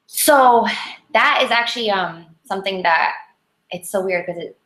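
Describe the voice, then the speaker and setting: A woman with a Polish accent chatting casually and informally, in an animated, rambling way, as an interview guest. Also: mid-range voice, measured pace. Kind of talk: casual chat about diet. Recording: echoey, roomy sound.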